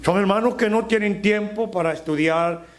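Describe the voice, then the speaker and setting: A middle-aged Dominican man preaching a sermon as pastor, slowing down and rising on key phrases for emphasis. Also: sits high. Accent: Dominican Spanish. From Dominican Republic.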